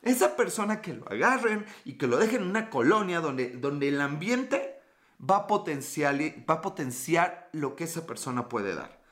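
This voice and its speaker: A man's voice: fairly high pitch, very animated, moderate pace, fairly bright tone. A man with a Mexican accent hosting a livestream podcast, chatting casually and reading viewer comments with profane, teasing, flirty banter. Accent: Mexican Spanish.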